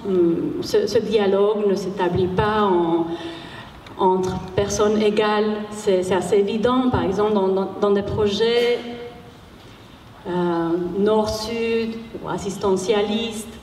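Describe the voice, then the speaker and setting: A middle-aged woman speaking on a panel in halting, measured phrases. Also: mid-range voice, steady tone, a little mellow. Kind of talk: unscripted panel talk. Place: large warehouse hall with seated audience. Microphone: handheld microphone. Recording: echoey hall, distant, background noise.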